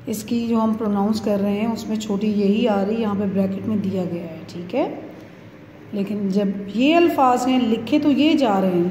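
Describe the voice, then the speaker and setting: A woman teaching young children a lesson, repeating each word slowly and checking that they follow. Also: a little high, warm tone, dull audio, a little hiss or hum. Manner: slow, repeating words for pupils to copy. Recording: echoey room.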